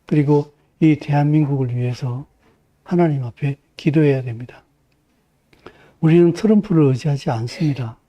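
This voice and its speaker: A man's voice: fairly high pitch, normal speed, dark tone, highs cut off. A male pastor preaching a sermon in a church, impassioned and emphatic, rising to fervent peaks.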